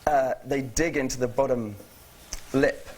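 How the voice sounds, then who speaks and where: A man's voice: medium pitch, steady tone, unhurried, darkish tone. A man with a British accent, a guest actor on a talk show, telling stories chattily, laughing often and restarting sentences. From England. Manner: chatty, laughing, self-interrupting storyteller.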